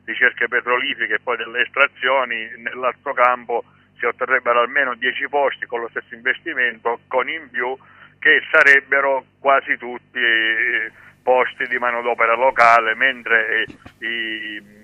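A man, a guest activist speaking over the phone on a radio show, explaining his points with frequent pauses and restarts. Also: medium pitch, level tone, no room sound. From Sicily. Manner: hesitant, many fillers and restarts, explanatory. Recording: tinny phone line.

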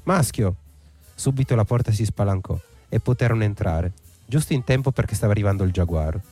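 A man reading a folk tale aloud in a measured, steady way. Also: on the low side. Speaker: storyteller. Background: faint instrumental music.

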